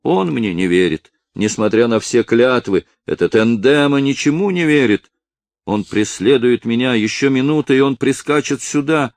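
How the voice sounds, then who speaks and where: A man's voice: mid-range voice, lively intonation, normal speed, no echo, pitched above the performer's own voice, close to an everyday voice. A man voicing a terrified teenage peasant girl. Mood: pleading, frantic. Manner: breathless, desperate pleading. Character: frightened fifteen-year-old peasant girl, pleading.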